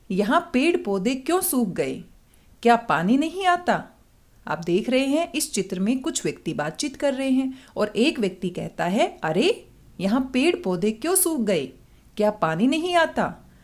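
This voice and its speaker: A woman teaching a worksheet lesson to young children, explaining slowly, repeating key points in a friendly way. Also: medium pitch, a little mellow. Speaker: Hindi teacher.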